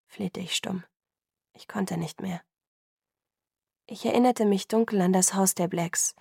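A woman narrating an audiobook in first person, calm and measured, close to the mic. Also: medium pitch, no room sound.

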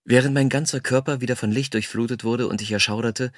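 A man reading a first-person story aloud in a calm, measured, intimate way. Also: medium pitch, dry recording, clean studio sound. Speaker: audiobook narrator. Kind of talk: scripted first-person narration.

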